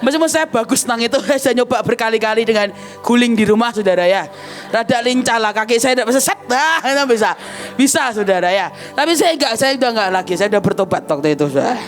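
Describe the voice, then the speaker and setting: A woman pastor preaching a sermon as animated storytelling, often calling her listeners "saudara" and swinging between loud outbursts and quiet, somber stretches. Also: a little high, quick pace, faint music behind. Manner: bursts into shouts and laughs, then drops quiet and somber.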